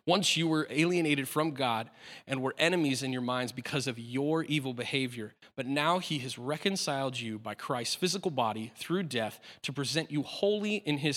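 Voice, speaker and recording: A man's voice: a little high, fairly bright tone, long reverb tail. A man in his thirties preaching a sermon in a casual, self-deprecating way, with plenty of fillers and restarts. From United States. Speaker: pastor.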